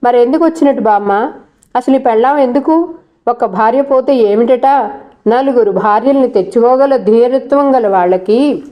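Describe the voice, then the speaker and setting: A woman's voice: fairly high pitch, dull audio, natural voice. A woman voicing a proud, bitter young married woman who talks back sarcastically and defiantly. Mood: sarcastic.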